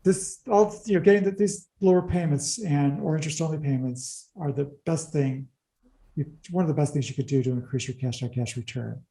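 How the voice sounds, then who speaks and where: A man explaining real estate figures in an interview, talking fast through the numbers with wry asides. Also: a little high, vocal fry, warm tone, reverberant, low-quality recording. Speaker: commercial real estate advisor.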